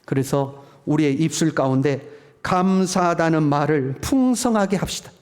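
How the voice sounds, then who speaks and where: Middle-aged male pastor, conversational sermon delivery that slips into acted lines, voice a bit high. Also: animated, moderate pace, darkish tone. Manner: conversational preaching, acting out parents' lines. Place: church sanctuary.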